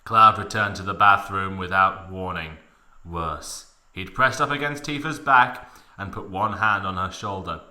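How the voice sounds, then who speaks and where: This host and story reader has a low voice and a measured pace. His mock-dramatic reading is theatrical and animated, punctuated by jokey asides, and the room around him echoes.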